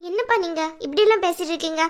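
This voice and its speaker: A woman voicing a gentle young woman who soothes and pleads with her sick father-in-law. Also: extremely high pitch, very fast. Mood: pleading.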